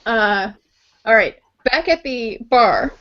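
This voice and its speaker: Woman game master, a little high-pitched, laughs a lot, muffled call sound. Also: animated. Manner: halting, laughs often, many ums. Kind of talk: narrating a tabletop game.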